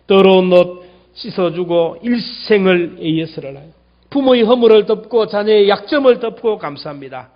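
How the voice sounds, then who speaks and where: A male pastor preaching a sermon with emphasis, repeating key words and swinging between loud and hushed delivery. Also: high voice, animated, normal speed. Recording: dull lo-fi church recording.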